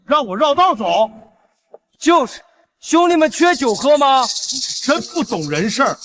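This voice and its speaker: An actor playing a loud, menacing village thug boss who barks threats and orders. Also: male voice, extremely high pitch, very animated, measured pace, full character voice. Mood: furious. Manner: barking threats, shouting orders. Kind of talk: short drama acting.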